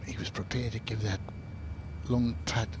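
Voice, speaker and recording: A man's voice: mid-range voice, fairly even intonation, normal speed, gravelly. A man giving live golf commentary. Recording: loud outdoor background noise.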